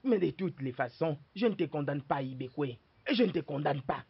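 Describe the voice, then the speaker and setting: A man's voice: fairly high pitch, expressive, normal speed, gravelly, breathy edge, heavily acted. A man dubbing a hesitant young man in a film, stammering through many fillers. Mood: pleading. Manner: stammering, full of "euh" fillers. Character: hesitant young man caught between two women. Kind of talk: French-dubbed film acting. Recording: dull lo-fi dub with music behind.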